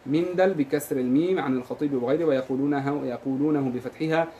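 رجل يقرأ نصًا تراثيًا في درس بسرعة، ويضبط الحروف والحركات كلمةً كلمة. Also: male voice, mid-range voice, dark tone, muffled recording, a little hiss or hum. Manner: reads quickly, spells out vowels and letters. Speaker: reader of the text in a lesson. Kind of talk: rapid recitation of a classical text.

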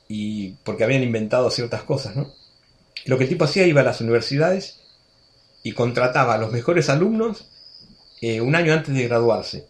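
A man in his sixties with an Argentine accent, a radio guest telling stories in a chatty way, full of restarts and asides. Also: medium pitch. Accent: Argentine Spanish. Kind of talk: casual storytelling interview.

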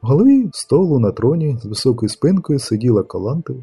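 A man narrating an audiobook in a measured, scripted reading. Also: mid-range voice, very animated, dark tone, slightly rough, dry recording. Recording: dry studio, faint music bed.

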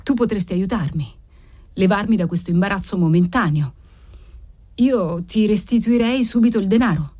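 A woman's voice: mid-range voice, moderate pace, dark tone, lightly acted. A woman reading a novel aloud, voicing an anxious husband who pleads and blames himself in a broken voice. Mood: pleading. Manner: pleading, breaking, self-reproaching. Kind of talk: audiobook character reading.

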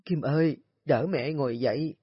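A man's voice: mid-range voice, moderate pace, husky, no room sound, natural voice. A man voicing a frail, ailing old mother-in-law in an audio story, pleading weakly and timidly. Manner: weak, pleading. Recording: dull lo-fi audio with faint music.

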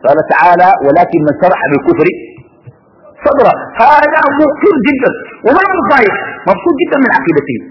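A man's voice: high-pitched, big pitch swings, quick pace, a little hiss or hum. A man teaching a class on creed, quizzing his students with questions as he goes. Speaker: Islamic teacher. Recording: dull lo-fi sound with long hall reverb.

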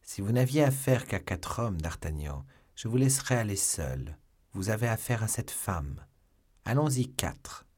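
A grave, brooding musketeer speaks quietly and evenly in a lowered, subdued voice, as a male narrator plays him. He sounds steady and serious, a measured swordsman from an audiobook reading. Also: husky, heavily acted. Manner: calm, low and quiet.

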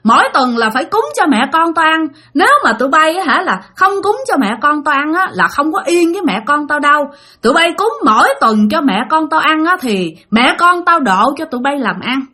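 A woman's voice: sits high, lively intonation, brisk, sharp tone, voice pushed up. A woman voicing a hungry female ghost who wails and then screams threats. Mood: menacing. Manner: crying then shrieking curses. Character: wailing hungry female ghost, vengeful and furious.

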